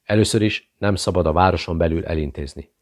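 A man's voice: sits low, close to an everyday voice. A man playing a cold, commanding male conspirator giving orders on the phone. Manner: curt and commanding.

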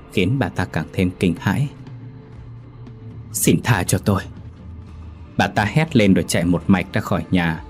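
A man, narrating a scripted horror story in a steady, measured, grave manner. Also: deep voice.

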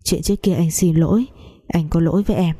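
A woman voicing a guilt-ridden young man who speaks softly and slowly to calm his lover. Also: lowish voice, husky. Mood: remorseful.

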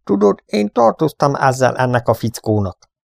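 A man's voice: medium pitch, gravelly, no room sound, clean studio sound, pitched above the performer's own voice, close to an everyday voice. A man voicing a smug, cruel male bandit who mocks and gloats. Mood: gloating. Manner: mocking, gloating.

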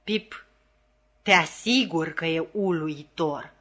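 A woman voicing a simple, gentle working man who talks slowly and hesitantly. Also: deep voice. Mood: slow earnest.

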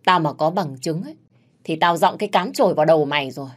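A woman voicing a spiteful young female servant who shrieks her accusations. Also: fast talker. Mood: accusing. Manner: shrill and accusing.

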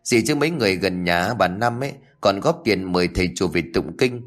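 A man's voice: sits low, lively intonation, brisk. Man doing a nervous young patient. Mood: earnest. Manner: stammering, anxious.

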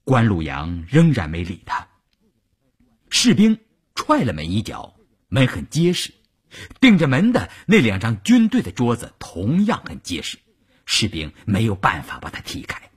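Husky male radio storyteller, very expressive. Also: fairly low pitch, measured pace. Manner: dramatic, with wide swings between hushed and raised delivery.

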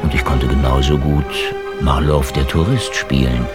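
Over a music bed, a middle-aged or older man with a rumbling low voice narrates at a moderate pace in a steady tone. Playing a world-weary veteran Russian detective, he tells his case in the first person in a dry, wry, hard-boiled radio drama style.

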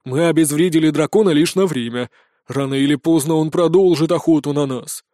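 A man's voice: on the high side, a little fast, no room sound, studio quality, natural voice. A man voicing a cautious young wizard. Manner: hushed, careful. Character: cautious young male wizard, calm and sensible.

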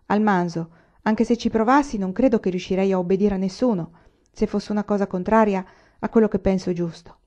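A woman's voice: medium pitch, brisk, darkish tone, natural voice. A woman reading the part of a spirited young frontier woman who speaks frankly and firmly. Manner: frank and firm.

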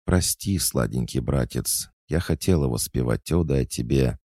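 A man voicing a pushy, teasing tiny young female student journalist in an audiobook, pitching well above his own voice. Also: normal speed, mellow, no room sound, clean studio sound. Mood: purring mock-hurt. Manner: mocking, teasing.

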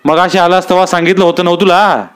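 A man voicing a gruff older village elder who scolds in rustic village speech. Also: high voice, fairly even intonation, fast, a bit bright, pitched above the performer's own voice. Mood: gruff, scolding.

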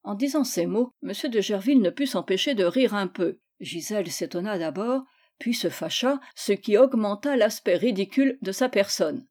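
A woman reading a classic children's novel aloud in a measured, expressive storytelling manner. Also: medium pitch. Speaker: reader. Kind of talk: scripted narration.

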